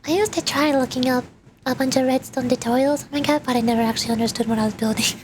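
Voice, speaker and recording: A VTuber game streamer with a high-sitting voice talks fast, chatting casually and playfully while she plays, rambling as she goes. Game music plays behind her, and there's slight background noise.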